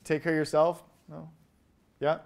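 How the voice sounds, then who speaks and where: A man speaks from a stage to a live audience, his voice sitting a little high for a man. He talks with lively energy, throws short questions at the crowd and runs through rapid lists of examples. His delivery is that of a seasoned keynote speaker. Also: gravelly. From Canada. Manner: animated, asks the audience quick questions, acts out quoted voices.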